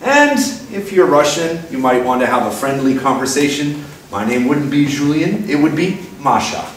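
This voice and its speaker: Guy giving a talk, pitch jumps all over, super echoey room, sounds far from the mic. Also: big pitch swings, normal speed. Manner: playful, acts out little scenes in put-on voices. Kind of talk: lively lecture with acted mini-dialogues. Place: lecture room. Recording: very echoey room, speaker away from mic, faint noise.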